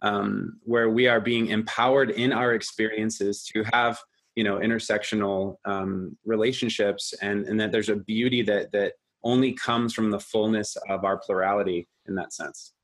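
Halting man with a lowish voice. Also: fairly even intonation, a bit bright. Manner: halting, many fillers and restarts. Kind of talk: interview question.

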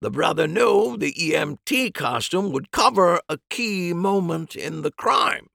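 A man's voice: high voice, lively intonation, unhurried, gravelly, pushed and bright, no echo, clean studio sound, voice pushed up, heavily acted. A man voicing an emphatic amateur sleuth explaining a crime in a mystery story.

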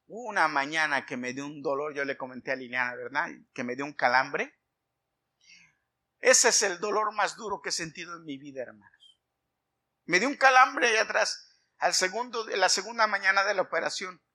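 A middle-aged man preaching a sermon, telling a personal story with animated delivery and repeatedly addressing the congregation as brothers. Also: a little high, normal speed. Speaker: pastor.

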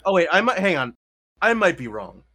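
Lively, bright-voiced man sharing news. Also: sits high, a little fast. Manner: animated, joking, reads headlines aloud. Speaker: podcast co-host bringing news items. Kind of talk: casual political chat.

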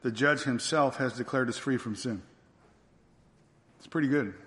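A male preacher delivers a sermon in an emphatic style, hammering home rhetorical questions again and again. His voice sits at an ordinary middle pitch, and it rings out with the long reverb of a big church hall. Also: normal speed, fairly bright tone.

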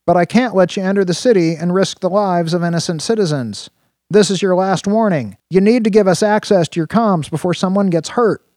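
A man's voice: sits high, a little mellow, no echo, voice pushed up. A man voicing a stern, authoritative male sheriff's deputy, heard over a vehicle comm feed. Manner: authoritative, warning.

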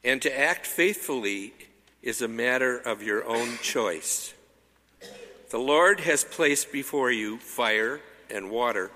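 A man reading scripture aloud as a lector in a slow, measured way, his voice ringing with cathedral echo. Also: medium pitch, lively intonation, pushed and bright. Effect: cathedral echo, long church reverb. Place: large church. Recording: reverberant church hall.

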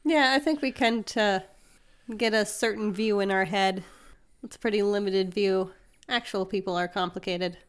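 This podcast host is a woman whose clear, resonant voice sits at a medium pitch and moves at a moderate pace. She explains things in an upbeat, conversational chat, laughing often.

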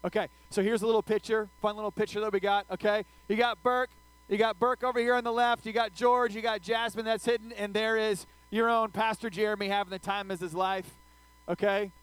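A man's voice: high-pitched, little pitch movement, fairly quick, fairly bright tone, smooth, poor audio. A man giving a casual youth sermon, checking in with his listeners after nearly every sentence and telling funny stories about himself. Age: adult, older than his teen listeners. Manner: tells funny personal stories, acting out his own screaming. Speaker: youth pastor.

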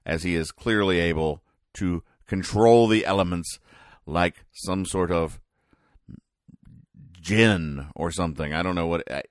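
A deep-voiced man hosts a podcast, casually recapping a comic strip. He explains things with deadpan, mock-serious care, pausing and hesitating along the way, and the recording is dry and close with little room sound.

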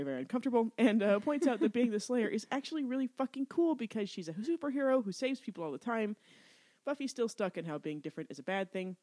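A woman's voice: mid-range voice, no echo. A woman co-hosting a podcast, casually recapping a TV episode, laughing often and correcting herself as she goes. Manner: laughs often, self-correcting, animated retelling.

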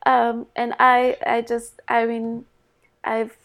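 Slow, gravelly-voiced woman co-host. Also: a little high, completely flat delivery, fairly bright tone. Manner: halting, restarts her sentences often. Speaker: podcast co-host. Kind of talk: casual chat.

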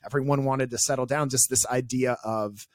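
A man's voice: mid-range voice, fairly even intonation, normal speed, dry recording, studio quality. A man hosting a podcast, steering the talk and reflecting at length in casual chat. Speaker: podcast host.

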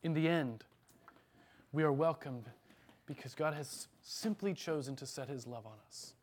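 Man, pastor, earnest emphatic sermon, somewhat high voice. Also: measured pace. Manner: earnest, emphatic preaching with repeated phrases. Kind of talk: sermon with closing prayer.

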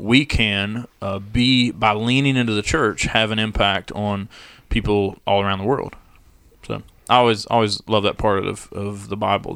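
A man's voice: lowish voice, a bit bright, clear, resonant tone, no echo. A man leading church talk, speaking reflectively and hesitantly with many fillers, close to a studio mic. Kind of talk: casual church podcast chat.

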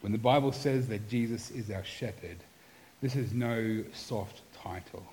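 A man's voice: fairly low pitch, unhurried, a little hiss or hum, rough recording. Earnest male pastor preaching. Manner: earnest, swings from animated to hushed. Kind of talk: sermon.

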